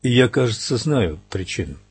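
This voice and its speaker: A man reading an audiobook, voicing a weary, feverish gunslinger who speaks low, quiet and measured. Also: very animated, husky. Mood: grave. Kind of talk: audiobook character voice.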